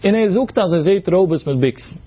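A man's voice: sits high, expressive, brisk, slightly rough, lo-fi sound. A man teaching a Talmud lesson in a sing-song explanatory cadence, mixing in Hebrew terms. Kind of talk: Talmud study lecture.

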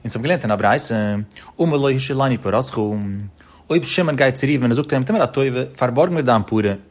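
A man delivers a Talmud study lecture at a rapid clip. His voice is husky and a little breathy. He carries the reasoning in a chanting, sing-song study-hall intonation with wide swings in pitch. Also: expressive. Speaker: Talmud teacher.

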